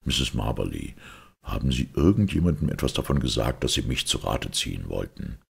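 A man voicing a calm, cutting male detective who speaks slowly and in a low, menacing tone. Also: gravelly, breathy edge, full character voice. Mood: coolly menacing.

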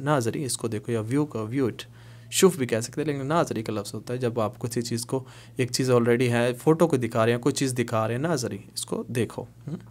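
Man drilling spoken Arabic phrases slowly. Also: medium pitch. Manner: repeats phrases slowly, drilling each word. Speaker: language teacher. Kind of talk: spoken Arabic lesson with Urdu and English glosses.

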